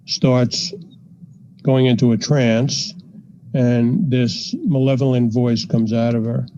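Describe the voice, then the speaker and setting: An older man, a psychiatrist guest on a podcast, telling a story in a measured way with frequent fillers. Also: mid-range voice, creaky, warm tone. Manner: measured, anecdotal, frequent "you know" fillers. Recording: dull lo-fi podcast audio.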